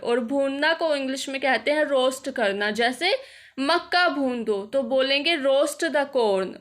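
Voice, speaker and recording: A woman leads a vocabulary lesson in a high, bright voice. She moves through explanations at an unhurried pace and says each example carefully twice, as if for learners to repeat. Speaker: English teacher.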